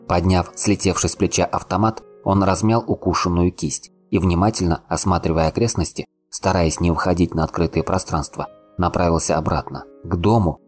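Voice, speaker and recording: A man narrating an audiobook in a calm, unhurried reading. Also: sits low, husky. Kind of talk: scripted narration.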